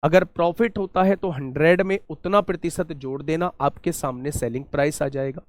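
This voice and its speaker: A man's voice: on the high side, moderate pace, no echo. A man teaching an online exam-prep maths lesson, explaining step by step and asking his students rhetorical questions.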